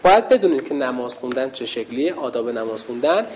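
Playful woman instructor calling out to girls. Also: rumbling low. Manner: lively, playful, calls out loudly. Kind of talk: leading a children's call-and-response game.

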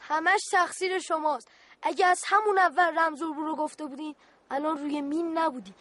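A woman's voice: sits high, fairly even intonation, fairly bright tone, no room sound. Woman playing a stern young boy sentry. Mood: scolding. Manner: stern, officious, scolding. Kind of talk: radio play acting.

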